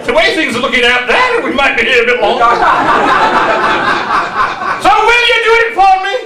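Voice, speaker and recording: A man's voice: very high-pitched, very animated, moderate pace. A man playing a cheeky pantomime dame cook, a bossy middle-aged woman with a put-on Scottish accent, teasing the audience on stage. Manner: brash, teasing, banters with the audience. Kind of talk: amateur pantomime stage acting. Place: village hall stage with live audience. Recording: echoey hall, far mic, audience noise.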